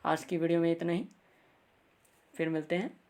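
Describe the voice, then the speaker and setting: A man's voice: fairly high pitch, level tone, moderate pace, darkish tone. A man teaching grammar in a recorded video lesson, reciting word forms carefully and drawn out, and speaking patiently and directly to viewers.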